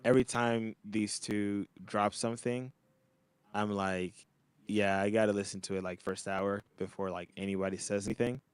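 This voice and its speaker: Clear and resonant, this man's fairly low voice comes with a flat delivery, a moderate pace and no room sound. Calling in by video from his home in Montreal, Canada, with a child playing nearby, the DJ and podcast co-host chats casually, laid-back and rambling, with loose, filler-heavy speech.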